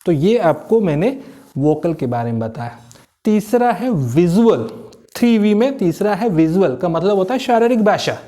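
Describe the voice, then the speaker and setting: A man's voice: high-pitched, lively intonation, moderate pace, dark tone. A man giving a motivational lesson on communication skills. He explains step by step with everyday examples, repeats key words for emphasis and mixes English phrases into his talk.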